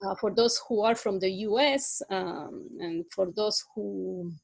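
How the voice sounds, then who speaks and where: A middle-aged woman from Guatemala City, a native Spanish speaker with a Guatemalan accent, giving an online guest lecture in a halting way with many "uh"s. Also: mid-range voice, expressive, gravelly, rough recording. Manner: halting, many filler sounds.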